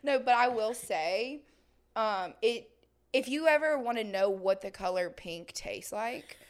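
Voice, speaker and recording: A woman's voice: on the high side, expressive, measured pace. A young woman hosting a podcast in casual chat, playful and laughing often. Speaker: podcast host.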